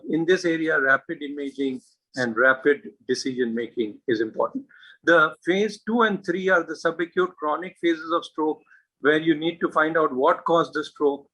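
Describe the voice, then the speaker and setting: Bright-voiced man lecturing on medicine. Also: fairly high pitch, normal speed, rough recording. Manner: earnest, hesitant with frequent uh and you know fillers; presses points with emphasis and rhetorical questions. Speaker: neurologist giving a talk.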